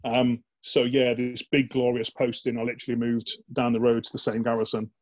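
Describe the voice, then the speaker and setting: A man's voice: mid-range voice, monotone, fairly quick. Chatty man swapping army stories. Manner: chatty and blokey, peppered with "like" and swearing, acts out quoted dialogue. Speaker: guest, former soldier. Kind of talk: casual anecdote telling in a podcast interview.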